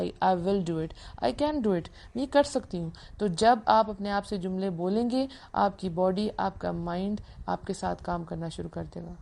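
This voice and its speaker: Young woman, earnest motivational speaker, gravelly, warm and mellow tone. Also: mid-range voice. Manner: earnest, coaching, mixes English phrases into Urdu. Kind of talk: religious motivational talk.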